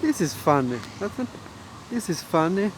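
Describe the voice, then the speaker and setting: A man who is not a native English speaker gives casual walking-tour commentary in halting, repetitive, simple broken English, as a travel vlogger. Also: sits high, very animated. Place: outdoors, walking in a city park. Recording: loud wind and outdoor noise.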